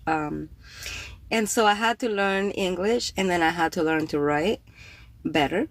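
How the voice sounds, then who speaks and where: Speaking a little slowly in a lowish voice, this podcast host and poet from Cuba greets her livestream viewers in English. Spanish is her first language, and her Cuban-accented chat wanders casually, with plenty of fillers.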